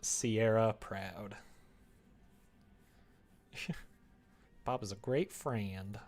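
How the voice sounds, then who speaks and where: This man's voice is fairly low and darkish, and he talks very slowly. While working on a visual novel during a casual stream, he thinks aloud, talking to himself with playful giggles.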